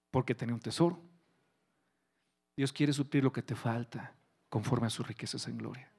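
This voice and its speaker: A middle-aged man preaching a sermon, leading the congregation in loud call-and-repeat and swinging from shouting to hushed tones. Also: a little high. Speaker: pastor.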